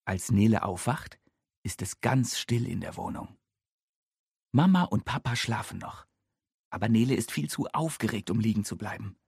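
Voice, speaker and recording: A man reading a children's story aloud in a lively, expressive way. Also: on the low side, moderate pace, creaky, husky, dry recording, clean studio sound. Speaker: narrator.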